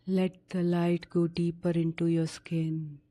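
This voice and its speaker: With a lowish, warm, and level voice, a woman leads a sleep meditation at a gentle, unhurried pace. Short instructions come one at a time, each followed by a long pause.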